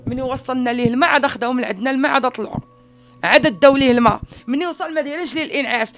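A Moroccan woman, the daughter of a patient who died, giving a rapid, urgent and grieving complaint to a news camera. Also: high voice, fairly bright tone. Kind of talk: emotional testimony to a news camera.

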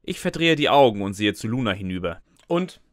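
A man narrates and plays the lead in a scripted comic fan audio drama, mixing first-person narration with dialogue in a dry, sarcastic, resigned manner. His voice is on the low side, sing-song and brisk, in a dry recording.

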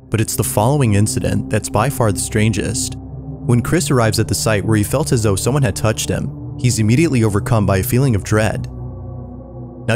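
A man with a lowish voice tells the story in a calm, measured, suspenseful tone. Faint music plays beneath his voice-over. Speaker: narrator. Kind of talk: scripted narration.

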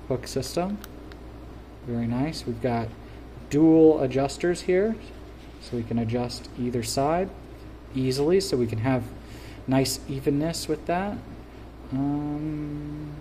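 A man's voice: medium pitch, dark tone, a little hiss or hum. A man giving casual unboxing commentary as a gear reviewer, chatty and enthusiastic, with plenty of fillers.

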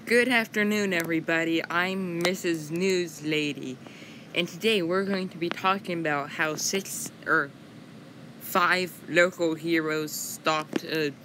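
A man voicing a chirpy female cartoon news anchor, reading in an artless, stilted way on a hissy home recording. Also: on the high side.

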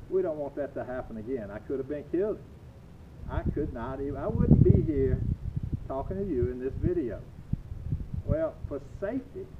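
An older man with a Cajun accent gives a folksy, humorous demonstration to camera, speaking deliberately in short phrases with drawn-out emphasis. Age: older, 60s-70s. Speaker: coach presenting a home video. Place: waterside backyard dock, outdoors. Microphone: camera a few metres away. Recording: tinny narrow-band outdoor audio, rumbling noise.

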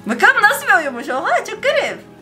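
A young woman hosts a gaming channel and gives excitable let's play commentary. Her voice is high and very animated, swinging widely in pitch. She reads the game's text out loud as she plays. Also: normal speed, soft background music.

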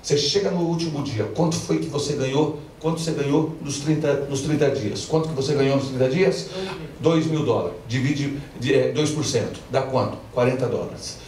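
A man's voice: mid-range voice, normal speed, a little mellow, a little hiss or hum. A male pastor, preaching a call-and-response sermon and mixing in jokes while he gets the congregation to repeat after him. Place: large church hall with congregation. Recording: echoey church hall, from far off, crowd audible.

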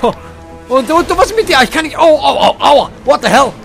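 A man talks over a game, playful and hammy, tossing in English catchphrases. His voice sits high and swings widely, with a gravelly fry at times. Faint game music runs beneath him. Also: lively intonation, brisk. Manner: playful, hammy, mixes in English phrases, sudden shouts. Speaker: let's play gamer. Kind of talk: excited gameplay commentary.

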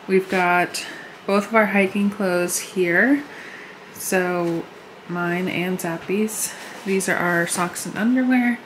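Slow-talking woman in a home packing vlog. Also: mid-range voice, background noise. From United States. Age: 30s. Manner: chatty, lists items as she shows them. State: congested after a flu, short of breath. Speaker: vlogger. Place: home living room, indoors.

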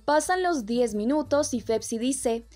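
A woman narrating a drama episode recap in a plain, steady retelling that quotes the dialogue. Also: on the high side, unhurried, dry recording, faint music behind. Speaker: story narrator.

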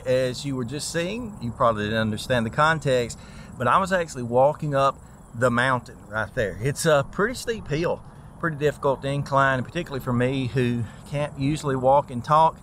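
A man talks while walking outdoors in a big park, in an easygoing, rambling way full of small fillers. His voice sits at an ordinary middle pitch. Faint outdoor noise and passing vehicles hum behind him. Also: moderate pace, a bit bright. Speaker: vlog host and transplant recipient. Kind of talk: casual walk-and-talk vlog.

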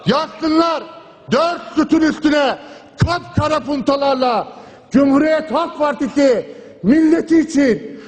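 High-voiced man orating at a rostrum microphone. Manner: impassioned oratory with a repeated refrain, pressing on through interruptions. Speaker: member of parliament giving a speech. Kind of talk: political speech. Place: parliament chamber, speaking from the rostrum. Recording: long hall reverb from a large chamber.

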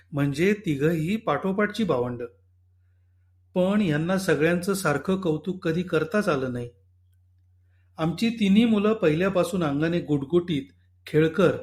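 A man reading a short story aloud as audiobook narration, calm and measured. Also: high voice. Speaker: story reader.

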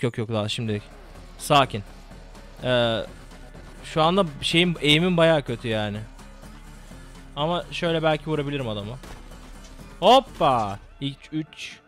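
A young man giving casual, excitable gameplay commentary, swearing and repeating words rapidly. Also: fairly high pitch.

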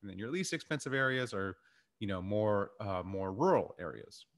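A man's voice: fairly low pitch, animated, normal speed. A middle-aged man lecturing informally over slides, explaining things in a conversational way. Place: indoors in a warehouse.

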